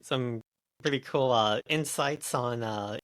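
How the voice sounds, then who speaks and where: A man's voice: mid-range voice, takes it slowly, a bit bright. A man hosting a casual podcast chat, talking in a hesitant way with many fillers and restarts. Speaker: podcast host.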